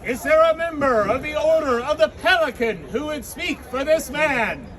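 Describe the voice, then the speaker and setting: A man's voice: very high voice, expressive, moderate pace, a bit bright, a faint crowd. A man giving a solemn, regal knighting recitation in formal ceremonial words, as the officiant.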